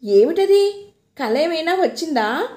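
A woman's voice: extremely high pitch, sing-song, slow pace, warm tone, pitched above the performer's own voice, exaggerated voice. A woman voicing a worried, caring young husband who asks anxious, soothing questions. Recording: roomy echo.

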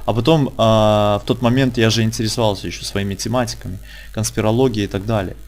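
A man's voice: on the low side, fairly even intonation, quick pace. A man hosting a casual online interview, talking colloquially and insistently, repeating phrases for emphasis. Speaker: interviewer and channel host.

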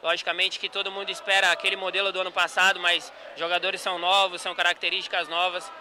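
Bright-voiced futsal player talking after a match. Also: male voice, high-pitched, flat delivery, a faint crowd, a little hiss or hum. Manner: earnest, measured, repetitive reassurance. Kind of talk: post-match interview answers. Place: futsal gym court.

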